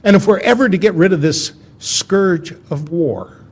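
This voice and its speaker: A man giving an informal history lecture as a storyteller, in a folksy, conversational way with dramatic pauses. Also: high voice, expressive, slight background noise.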